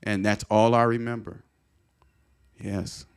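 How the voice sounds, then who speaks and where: Middle-aged guy on a podcast, lowish voice, earnest, keeps repeating himself and restarting lines. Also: little pitch movement, clean tone. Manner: earnest, repetitive, with halting restarts. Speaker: podcast guest. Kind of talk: personal storytelling in conversation.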